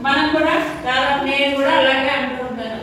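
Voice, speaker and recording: Woman teacher, high voice, slow call-and-response pronunciation drill, echoey classroom heard from afar. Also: fairly bright tone. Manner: slow, clear, repeats words for pupils to echo. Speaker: primary school teacher. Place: school classroom. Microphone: distant camera mic. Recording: echoey classroom from far off, faint noise. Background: children repeating in a classroom.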